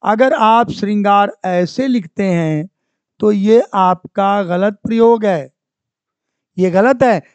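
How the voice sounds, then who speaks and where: High-voiced man teaching spelling. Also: takes it slowly, smooth, no echo. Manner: repeats words, asks the class for answers. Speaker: Hindi grammar teacher. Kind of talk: exam-prep class. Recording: dry, dull lo-fi sound.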